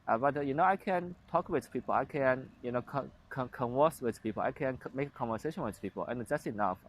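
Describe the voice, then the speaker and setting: A young male vlogger from China, with a Chinese accent and a mid-range voice, talks casually to the camera. His delivery is hesitant and unpolished, halting, with lots of fillers and restarts, over a slight background hiss.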